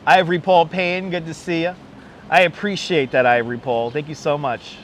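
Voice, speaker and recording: A man from Brooklyn runs a casual live stream while out in the city, rambling and saying hello to viewers by name. He has a faint New York accent and a voice that sits a little high. Outdoors on a wireless clip-on mic, his audio carries soft traffic hum and street noise in the background.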